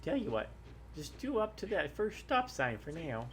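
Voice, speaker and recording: Someone putting on a folksy old prospector, animated. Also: mid-range voice, normal speed, a little hiss or hum, pitched above the performer's own voice, close to an everyday voice. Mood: chatty, obliging. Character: chatty old prospector miner, folksy and helpful. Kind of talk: reading game dialogue in character.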